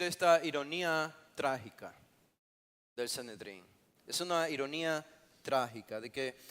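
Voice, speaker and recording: Emphatic pastor preaching in a reverberant hall. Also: male voice, fairly high pitch. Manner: emphatic, rhetorical questions, swings between loud stresses and soft endings. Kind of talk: expository sermon. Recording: long church hall reverb.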